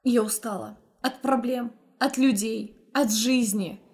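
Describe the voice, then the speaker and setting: A woman's voice: fairly high pitch, slow pace, darkish tone. A young woman narrating a first-person audiobook in an intense, emotional storytelling manner.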